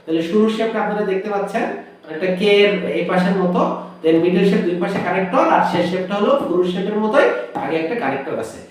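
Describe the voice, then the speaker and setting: High-voiced man teaching in an echoey room. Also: far from the mic. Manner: explains step by step, drawing out sounds slowly to demonstrate; asks the viewer questions, then answers them himself. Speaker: Quran teacher. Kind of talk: Arabic pronunciation lesson.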